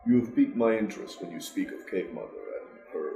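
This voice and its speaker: A man playing a proud, stern half-orc warrior in a tabletop game, speaking formally, deliberately and with emphasis. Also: fairly low pitch, expressive, dark tone. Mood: measured pride. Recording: roomy echo, music behind.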